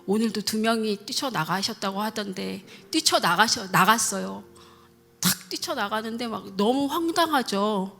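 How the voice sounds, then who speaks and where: A middle-aged woman, a church deaconess, telling her testimony in a church with lively, emphatic storytelling. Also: mid-range voice, measured pace, creaky. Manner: animated storytelling, full of emphatic sound words. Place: church sanctuary.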